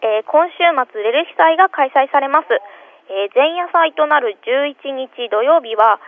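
A woman with a high, cute anime-girl voice, giving a polite event report as a correspondent over a telephone line on the radio. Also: expressive, moderate pace. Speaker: phone-in correspondent from a city tourism office. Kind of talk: prepared event report in a radio phone interview.

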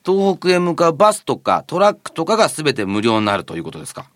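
A man's voice: on the high side, huge pitch swings, quick pace, a bit bright, dry recording, clean studio sound. A man presenting and interviewing as a radio host in a chatty, polite, lightly joking way. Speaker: radio show host and reporter.

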